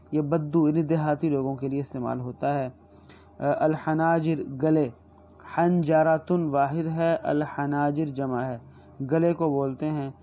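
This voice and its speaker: A man with a Pakistani Urdu accent giving a recorded exam-prep lecture, explaining word meanings slowly and deliberately, repeating glosses. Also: on the high side, dark tone, dull audio. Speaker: teacher.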